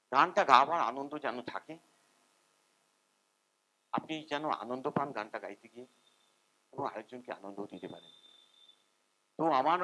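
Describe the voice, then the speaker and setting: An older man, a musician, giving an informal, rambling seminar talk and humming melodies now and then. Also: a little high. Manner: animated, rambling, self-deprecating, hums tunes.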